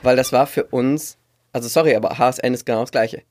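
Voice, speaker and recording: A man co-hosting a casual talk podcast, telling stories in an animated way and mixing in English words. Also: mid-range voice, fast. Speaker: podcast co-host. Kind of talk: casual chat. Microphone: podcast microphone.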